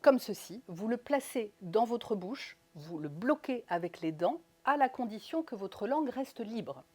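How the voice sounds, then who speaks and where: In an instructional video, a woman coaches public speaking with crisp articulation and lively, strongly stressed intonation. Her voice sits on the high side, and she speaks at a measured pace.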